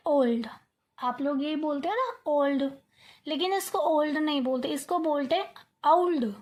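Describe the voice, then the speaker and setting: A young woman teaching an online lesson, coaxing her students, repeating words aloud to drill the sounds and checking in often. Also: sits high. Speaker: English teacher.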